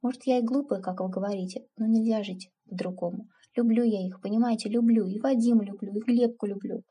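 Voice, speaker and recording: A woman's voice: mid-range voice, fairly even intonation, a little fast, dark tone, slightly rough, lightly acted. A woman voicing a timid, earnest young village woman who pleads and defends herself. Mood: pleading.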